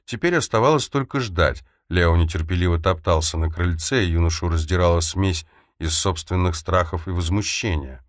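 A man narrating an audiobook in a measured, even storytelling manner. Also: low-pitched, no echo, clean studio sound. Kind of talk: scripted narration.

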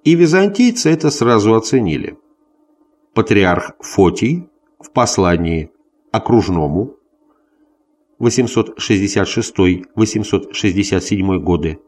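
A man reading a scholarly history text aloud as scripted narration, in a deliberate, bookish manner. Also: fairly low pitch, sing-song, darkish tone. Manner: deliberate, announces notes and quotations aloud. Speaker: audiobook reader of a history text.

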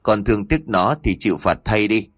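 Man doing a stern old lady of the house, slow icy orders, low voice. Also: fairly bright tone, no echo, studio quality. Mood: cold commanding. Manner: slow, imperious. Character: stern older matriarch, cold and commanding.

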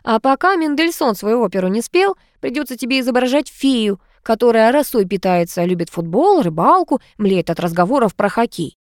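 A woman's voice: on the high side, lively intonation, moderate pace, few pauses, no room sound, studio quality, pitched above the performer's own voice, close to an everyday voice. A woman doing a brash, bossy blunt woman. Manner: blunt, demanding.

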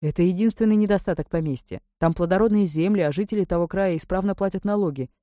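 A woman's voice: on the low side, quick pace, dark tone, no room sound, studio quality, close to an everyday voice. A woman reading the lines of a cold, stern male ruler who speaks curtly and will not yield. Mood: cool. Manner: cold, curt, commanding.

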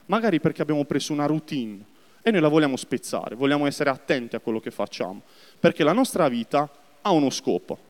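A man preaches a sermon with a lively, rising and falling delivery and a fairly high voice. He turns to the congregation, asking questions and urging them to respond. His voice rings with the long reverb of a church hall. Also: quick pace. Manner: lively, addresses the congregation directly.

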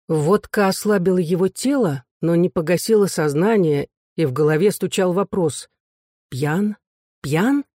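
A narrator reading a classic novel in a steady, even storytelling manner. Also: medium pitch, no room sound, clean studio sound. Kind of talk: audiobook narration.

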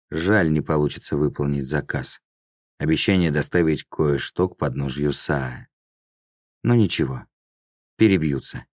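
A man narrates a fantasy tale in an extremely low, deep voice. His telling is steady and even. The sound is close and dry, with no room echo. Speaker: audiobook narrator.

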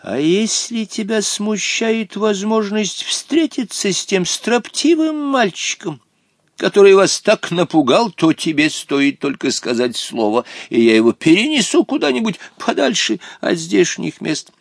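A ceremonious old genie with a flowery, unhurried way of speaking, as a man puts him on. His voice rises high and swings widely through each grand phrase, and the sound is close and dry. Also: sing-song, vocal fry, no room sound, heavily acted. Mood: eager. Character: Hottabych, ancient courtly male genie.

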